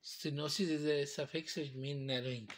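Man slowly explaining medical terms. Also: on the high side, fairly even intonation, slight background noise. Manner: slow, repetitive, explains step by step. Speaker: teacher. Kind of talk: medical terminology lecture.

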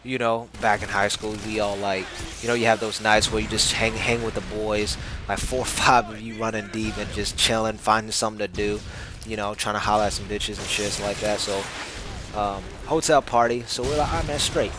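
A man's voice: on the low side, fairly even intonation, brisk, background noise. A young man telling a casual story in laid-back slang, laughing often. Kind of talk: casual anecdote over gameplay. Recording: gameplay audio with gunfire behind.

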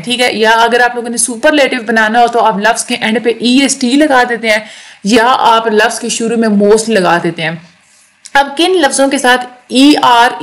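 A woman teaching a recorded lecture, explaining slowly, repeating words and checking in often. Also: fairly high pitch. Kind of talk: recorded lecture on English grammar.

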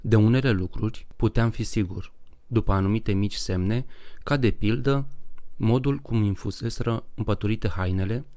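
A man narrating a horror audiobook in a slow, measured, dramatic reading. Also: on the low side, warm tone, dry recording.

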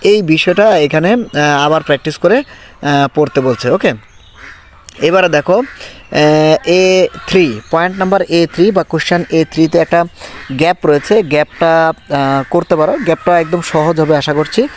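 A man teaching an English textbook lesson, explaining patiently and reading the English lines slowly before he translates them. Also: on the high side, a little hiss or hum.

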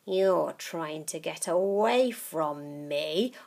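A woman voicing a creepy, witchlike old grandmother in a storybook reading, with slow, relishing, menacing delivery. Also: low voice, animated, creaky, a little mellow, heavily acted. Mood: sly, menacing.

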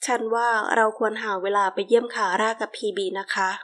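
A woman reading the part of a loving young wife and mother in a storybook, in a sweet, gentle, slow voice. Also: a little high, fairly even intonation, close to an everyday voice. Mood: playful scolding.

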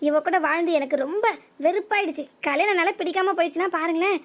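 A woman's voice: extremely high pitch, fast. A woman voicing a smug young husband teasing his wife in a cartoon, with a southern Tamil Nadu accent. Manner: mocking, playful teasing.

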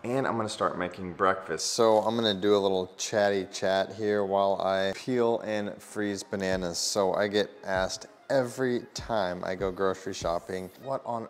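A man in his thirties vlogging in a casual chat with a raspy morning voice, upbeat and energetic, filmed in a home kitchen. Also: low-pitched, moderate pace, few pauses. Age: 30s. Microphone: handheld camera mic. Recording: long reverb, faint music behind.

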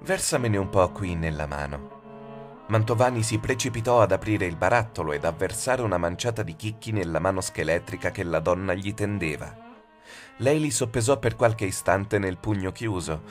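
A man with a fairly low voice reads a dark suspense tale aloud, measured and tense in his storytelling. A soft bed of music runs quietly under him. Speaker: audiobook narrator. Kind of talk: scripted dramatic narration.

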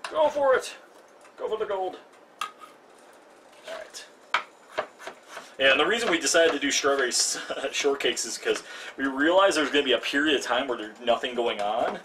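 A man's voice: mid-range voice, very animated, normal speed, long pauses. A young man hosting a live cooking stream in his home kitchen, chatty and self-mocking with jokey asides. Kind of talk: casual live cooking demo. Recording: distant mic, noisy kitchen.

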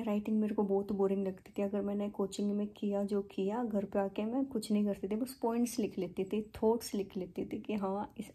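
A young woman from India chats through a personal story in a casual vlog, her speech full of fillers and English words. Her voice is very dark and mellow with a husky grain. She keeps her pitch quite flat. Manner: chatty, many fillers, mixes in English words. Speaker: vlogger.

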